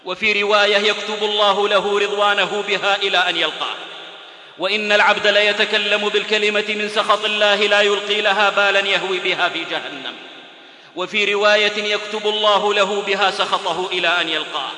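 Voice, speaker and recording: High bright-voiced preacher in an echoey hall. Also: male voice, fairly even intonation, a little fast. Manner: storytelling with rhythmic recited verse. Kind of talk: sermon.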